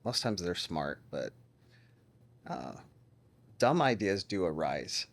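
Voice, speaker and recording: A male podcast host in relaxed conversation. His voice sits on the low side, and he talks in a measured, reflective way, often from personal experience.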